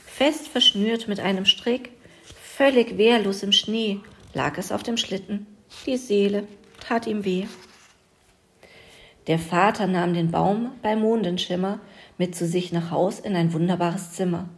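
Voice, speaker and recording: A woman reading a rhyming Christmas story aloud, measured and gently expressive. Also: mid-range voice. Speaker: reader of an audio advent calendar story.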